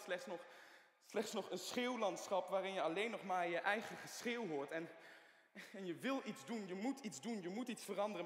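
A young actor playing a detained male idealist, bitter and scornful, breaking into shouting. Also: high voice, lightly acted. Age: young adult. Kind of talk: stage play acting. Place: theater stage. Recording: echoey theater hall.

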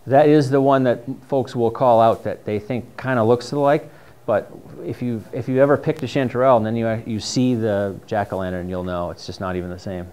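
With a medium-pitched, fairly even voice that's a little fast, a little mellow, and clean in tone, a middle-aged man with a New England accent teaches foraging. As a mushroom foraging instructor, he's chatty and enthusiastic, talking casually over slides in a dim classroom with a projector screen, heard through a distant camera.

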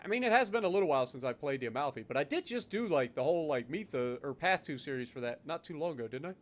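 Male game streamer, higher register, off-the-cuff chat and commentary, profane, exasperated griper. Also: animated, fast. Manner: sweary, exasperated griping. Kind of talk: casual live gaming commentary with chat.

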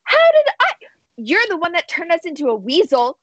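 A man's voice: high voice, brisk, husky, no room sound, highs cut off. A woman voicing an exasperated, indignant man who has been woken in the middle of the night and pleads to be left alone. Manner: incredulous, pleading.

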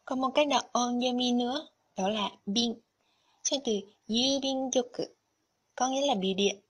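Slow, breathy woman teaching Japanese vocabulary. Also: on the high side. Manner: slow, careful explanation of vocabulary and kanji. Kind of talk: scripted lesson narration.

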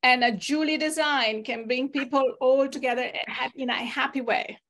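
A woman hosts a relaxed group video call, her voice pitched high. She reads out a long list of places, filling the gaps with ums and uhs. The sound is that of a laptop mic. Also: moderate pace. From Italy. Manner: reads out names and places, with fillers. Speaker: host.

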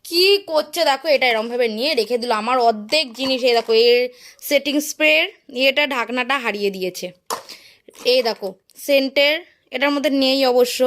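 Give me a chatty woman vlogger, a bit hoarse, speaking in a high voice. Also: a bit bright, slight background noise. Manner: chatty, addresses viewers directly. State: voice getting hoarse. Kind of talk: casual home vlog.

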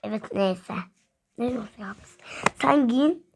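A woman with a high voice and a gravelly, fried edge, talking slowly. She is a mother in a comic morning vlog of self-talk. She keeps muttering the same pious exclamation and plays up her reactions. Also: noisy background. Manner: dramatic, swings between whispers and shouts. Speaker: mother and vlogger.

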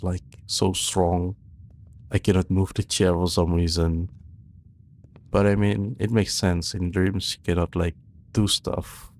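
A man's voice: low-pitched, slight background noise. A young man giving casual, nervous, jumpy commentary as he plays a horror game, muttering to himself into a close microphone. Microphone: close microphone on boom arm, headset worn.

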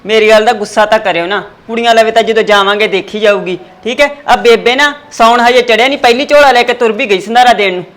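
A woman's voice: fairly high pitch, quick pace, hardly any pauses, natural voice. A woman playing an anxious, protective mother who defends her son and worries about her mother-in-law in a family drama. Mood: fretful. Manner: fretful, defensive.

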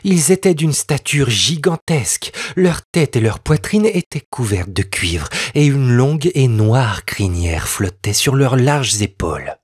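A man narrating an old children's tale in an expressive, lilting reading voice with a husky tone. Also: medium pitch, unhurried, few pauses, no echo, studio quality. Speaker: audiobook reader. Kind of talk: scripted storybook narration.

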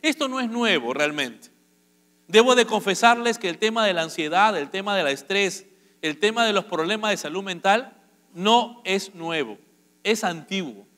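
A man preaching a sermon to his congregation, lively, asking them questions and acting out quotes. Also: sits high, moderate pace. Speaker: pastor. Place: church auditorium. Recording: long hall reverb.

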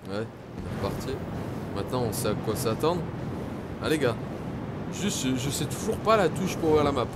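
A young man from France giving excitable, swearing commentary while playing a game, shouting in panic at times. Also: medium pitch, moderate pace, heavy background noise. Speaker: gaming YouTuber. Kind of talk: let's play commentary.

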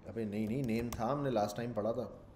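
A man's voice: medium pitch, fairly even intonation, a little fast, a little mellow. Male programming instructor, loose rambling lecture delivery with English tech terms, light background hiss. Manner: rambling, thinks aloud, mixes English terms into Urdu. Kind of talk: casual screen-share coding lecture.

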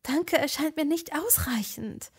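A woman's voice: high-pitched, animated, a little slow, pitched above the performer's own voice. A woman voicing an earnest, clever young witch in a fan audio drama. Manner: earnest, explaining, easily indignant.

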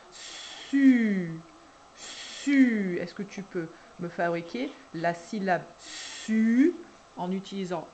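A woman preschool teacher guiding parents through a syllable dictation, speaking slowly and deliberately and drawing out each syllable. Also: mid-range voice, a little mellow, a little hiss or hum. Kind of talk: instructional video for parents.

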